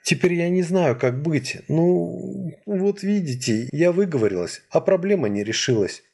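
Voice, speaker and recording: A man's voice: a little high, lively intonation, a little slow, gravelly, warm tone, breathy edge, pitched above the performer's own voice, full character voice. A man voicing a tired young woman shopkeeper who has been crying, sniffling and joking wryly about her troubles. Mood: resigned.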